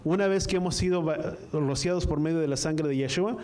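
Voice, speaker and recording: Guy preaching a sermon, kinda high voice, reads verses slow and gets the church to repeat after him. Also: darkish tone. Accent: Spanish-speaking, from the US-Mexico border. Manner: call-and-response, asks the congregation to repeat after him; reads scripture slowly, line by line. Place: church service, also streamed online.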